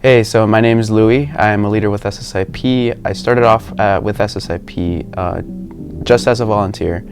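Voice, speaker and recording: A young man with a very low, gravelly voice talks casually, pausing on fillers as he works out what to say. Soft music sits faintly behind him. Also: steady tone. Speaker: community leader. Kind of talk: interview-style testimonial.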